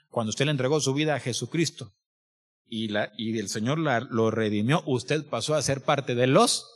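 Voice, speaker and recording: A man's voice: lowish voice, breathy edge. A middle-aged man preaching a sermon, putting repeated questions to the congregation and reading scripture aloud in formal old-style wording. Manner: repetitive, questions the congregation directly.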